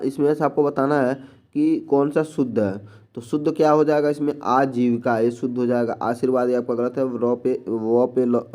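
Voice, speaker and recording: A man with a mellow, warm voice leads an exam-prep spelling lesson. He works through each answer plainly, repeating key words as he goes. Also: mid-range voice. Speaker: teacher.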